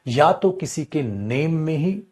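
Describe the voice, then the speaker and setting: Running an online English grammar class, this fairly high-pitched man playfully teases and coaxes his students, addressing them as "beta" and "chhutku." He mimics their questions and draws out important phrases slowly to stress them, keeping the mood lively.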